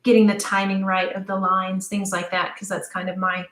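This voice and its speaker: This audio drama writer and director, a guest in an interview, has a medium-pitched, fairly bright voice with a completely flat delivery at a moderate pace. Her explanations are chatty and informal as she works through ideas aloud, with noticeable room echo.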